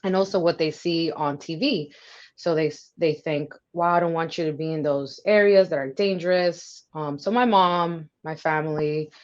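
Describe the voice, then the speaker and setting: Low-voiced young woman, chatty. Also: moderate pace, muffled recording. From New York. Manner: friendly, chatty with frequent fillers. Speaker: guest, military recruiter. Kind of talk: interview answers.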